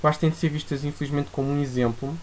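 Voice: mid-range voice, fairly even intonation, rapid-fire, darkish tone, slight background noise, rough recording. A young adult with a European Portuguese accent co-hosting a podcast, giving opinions casually and insistently, rephrasing points as they go. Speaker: podcast co-host.

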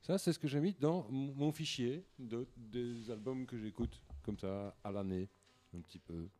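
A man chatting casually on a podcast, halting with many restarts as he presents an album. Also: mid-range voice, mellow.

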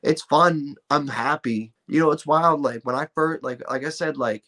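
A man's voice: a little high, normal speed, pushed and bright. A young man, a wrestler being interviewed, talking casually and rambling, with many fillers and asides. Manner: rambling, full of "like" and "you know what I mean". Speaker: professional wrestler guest.

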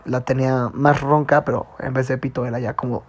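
A man with a Mexican accent and a slightly hoarse, rather high voice, talking frankly in a casual confessional monologue full of slang and swearing. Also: flat delivery, a little fast.

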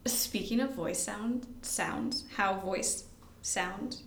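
In a roomy, echoing space, a young female podcast co-host speaks very slowly in a mid-range voice. The chat is casual, and she comes across as giggly, rambling, self-deprecating and worn out.

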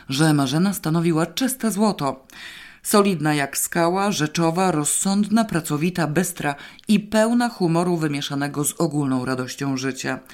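A woman's voice: low-pitched, darkish tone. Woman reading a wry first-person story. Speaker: audiobook reader. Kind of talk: scripted first-person narration.

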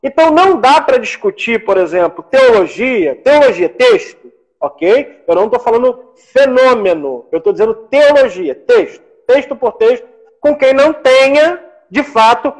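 A man with a very high-pitched voice explains theology in a casual discussion. He lays out his arguments patiently and with a touch of irony. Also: animated, moderate pace, poor audio. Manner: explanatory, mildly ironic, says "querido". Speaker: podcast co-host, theology teacher.

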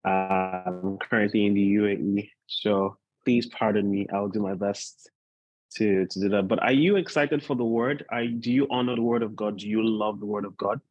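A man preaching as a guest pastor in an informal, measured, unhurried way, often repeating points for emphasis. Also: on the low side, no room sound, muffled recording. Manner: unhurried, measured delivery with deliberate repetition. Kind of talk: sermon, informal preaching to an online gathering.

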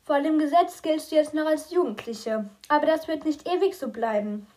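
A woman reading a weary but firm father's lines in an audiobook, measured and steady. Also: high-pitched, pitched above the performer's own voice, natural voice.

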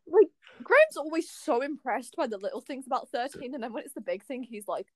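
A woman's voice: sits high, big pitch swings, fairly quick, no echo. A young woman co-hosting a casual fan podcast, talking in an enthusiastic, rambling way full of fillers and restarts. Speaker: podcast co-host.

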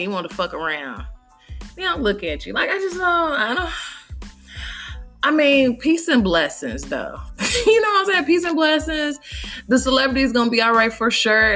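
A woman's voice: mid-range voice, fairly bright tone. A young woman hosting a casual solo podcast from home, blunt and profane, chatting straight to her listeners. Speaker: podcast host. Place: home recording space.

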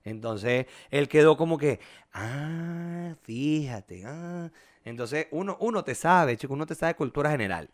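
A man's voice: fairly high pitch, brisk, few pauses. Joking Venezuelan man in his twenties. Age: 20s. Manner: joking, animated storyteller with playful voices. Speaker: podcast co-host. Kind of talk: casual chat.

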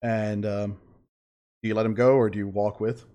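A man narrating a tabletop game as game master, in a halting, conversational, improvised way. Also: fairly low pitch, flat delivery, dark tone. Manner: halting, conversational, laughs readily.

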